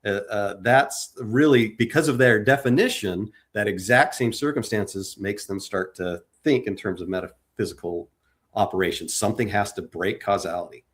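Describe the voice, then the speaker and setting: A man's voice: fairly low pitch, normal speed. A man talking as a podcast guest in casual discussion, explaining his ideas in a hesitant way with many stammered restarts.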